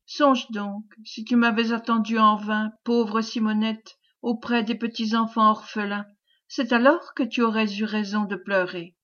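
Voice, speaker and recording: A woman reading the lines of a gentle young fisherman, soft and quiet, on a dull lo-fi recording. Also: fairly high pitch, steady tone, unhurried. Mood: tender. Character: gentle young male fisherman, calm before death.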